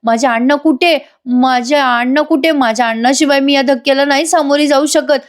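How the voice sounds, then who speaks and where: A woman's voice: high voice, steady tone, normal speed, voice pushed up, lightly acted. A woman voicing a frightened young woman who pleads, stammers and repeats herself in panic. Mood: panicked crying.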